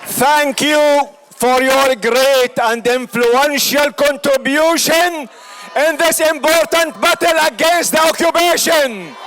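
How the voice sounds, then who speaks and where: A man speaking as an organizer at an outdoor rally, slow and emphatic, shouting to the crowd. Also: very high voice, slight background noise, rough recording. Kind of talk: rally speech.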